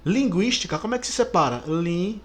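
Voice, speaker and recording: Lively Brazilian exam-prep teacher. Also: male voice, a little high, normal speed. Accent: Brazilian Portuguese. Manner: lively, stretches key words, checks in with the class. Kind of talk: explaining exam questions.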